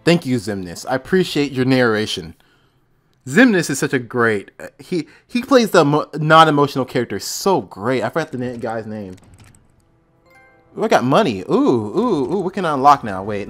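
A man casually commentating his gameplay on stream, excitable, with loud outbursts, swearing and frequent laughs. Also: mid-range voice.

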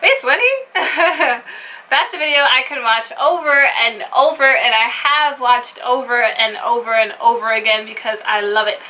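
A high, bright woman's voice, chatty and excitable, shouting cheers at a dance clip. She rambles to her viewers, repeating and restarting her phrases. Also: normal speed, hardly any pauses, slight background noise, rough recording. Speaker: dance reaction vlogger. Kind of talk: casual reaction video chat.

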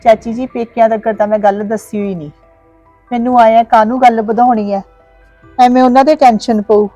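An actress playing a tearful young daughter-in-law, speaking softly and pleading in a drama. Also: female voice, fairly high pitch, fairly even intonation, brisk, muffled recording, faint music behind, close to an everyday voice. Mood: complaining. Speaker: actor. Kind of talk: Punjabi web drama acting.

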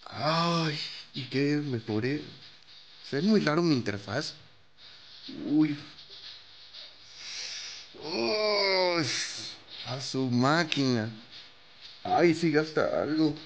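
A young man with a Mexican Spanish accent giving casual, excitable commentary over a mobile game, yelping, groaning and swearing as he spends in-game currency. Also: on the high side, extremely slow, pauses often, dull audio, slight background noise. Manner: excitable, nervous, yelps and groans, swears freely.

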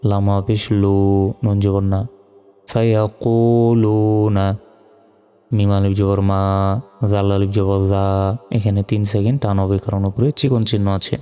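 In a reverberant hall with faint music behind him, a man with a fairly low, smooth and mellow voice teaches Quran reading in a Bangladeshi Bengali accent. He spells out each letter and vowel mark syllable by syllable before chanting the words.

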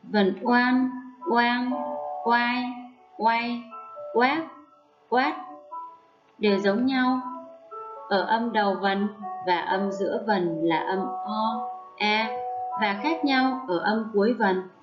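Slow, clear-speaking woman teacher. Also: fairly high pitch, dull audio, music in the background. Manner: slow, clear, drawn-out reading of rhymes and words. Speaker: primary school teacher. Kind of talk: recorded online lesson for first graders.

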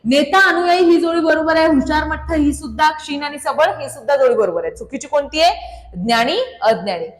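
Woman teacher with a Marathi accent, high voice, repeats her questions. Roomy, reverberant sound. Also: fairly quick. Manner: quizzes students, reads options, praises by name. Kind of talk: online exam-prep lesson. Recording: echoey room with long reverb.

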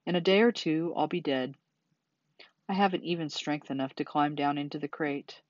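A weary female spider from a children's story, voiced by a narrator, composed and gently firm. She speaks in a low-key manner. The recording is very dry and a touch dull. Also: normal speed, no room sound, close to an everyday voice. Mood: weary resignation. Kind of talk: children's storybook character reading.

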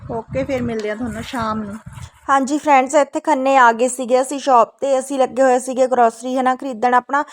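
Talking a little fast in a high, fairly even voice, this woman from Punjab is a mother in her thirties addressing her family vlog audience. She's chatty and casual, and "isn't it" keeps popping up at the ends of her sentences.

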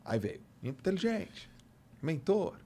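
A man's voice: fairly high pitch, takes it slowly, slight background noise. A man in his late thirties with a Brazilian Portuguese accent, telling a story as a podcast guest in casual chat and acting out the dialogue. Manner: animated storyteller who acts out quoted dialogue.

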